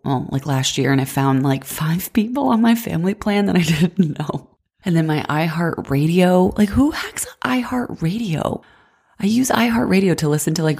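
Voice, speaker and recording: Her voice sits low, a little mellow, with some vocal fry. She's a woman in her twenties hosting a casual solo podcast while sick and congested, nasal and chatty, dropping "like" again and again.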